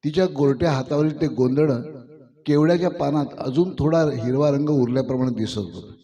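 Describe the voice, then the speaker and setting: A man reading a literary short story aloud in a measured, expressive narrating voice. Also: fairly high pitch, highs cut off. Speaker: story reader.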